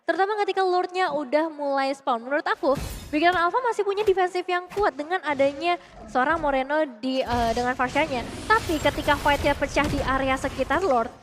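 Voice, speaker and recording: A woman's voice: high voice, fairly quick, soft background music. A woman with an Indonesian accent giving live match analysis as an esports commentator. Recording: noisy event ambience behind voice.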